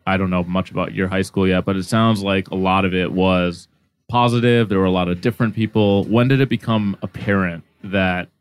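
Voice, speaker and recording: A man who grew up speaking Arabic first hosts a podcast in a relaxed, chatty way. His voice sits on the low side, and he strings his thoughts together loosely with many fillers. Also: fairly quick, clear, resonant tone, no echo. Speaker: podcast host. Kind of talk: casual conversation.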